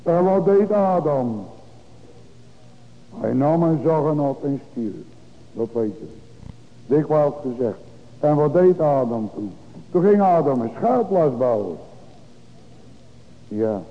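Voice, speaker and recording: A man, a pastor preaching a Reformed sermon to his congregation. He asks rhetorical questions and answers them, swinging between raised exclamations and quiet low drops. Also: lively intonation, takes it slowly, pauses often. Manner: addresses the congregation directly. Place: church. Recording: dull lo-fi church recording with long reverb.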